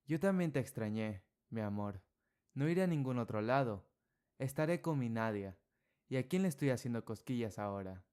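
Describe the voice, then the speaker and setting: Narrator voicing a tender returning father, smooth voice, heartfelt storybook reading. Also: mid-range voice, expressive, normal speed, darkish tone, close to an everyday voice.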